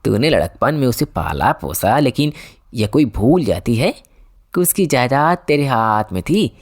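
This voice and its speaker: A man voicing a pompous village record-keeper in an audiobook, speaking in a measured way. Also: medium pitch, very animated. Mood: reproving.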